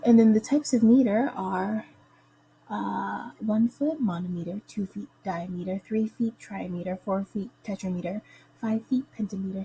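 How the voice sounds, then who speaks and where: A young woman giving a careful explanatory lesson as a student presenter, slowing down to sound out stress patterns. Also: medium pitch, mellow, a little hiss or hum, poor audio.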